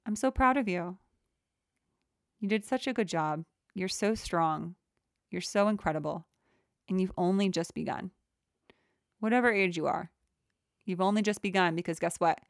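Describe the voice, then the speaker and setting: A young woman talks through a reflective solo podcast in a soft, encouraging voice of middle pitch. She wanders and restarts, filling her talk with "like" and "you know." The sound is dry and close, with no room around it. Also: no echo. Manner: gentle, encouraging, rambling with many fillers. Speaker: podcast host.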